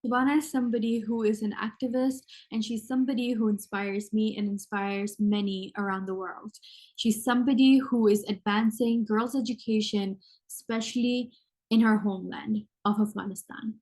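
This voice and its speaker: A woman's voice: on the high side, steady tone, moderate pace, darkish tone. A young adult woman hosting an interview, enthusiastic, reading a prepared introduction with many ums. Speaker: interview host. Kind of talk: hosted interview.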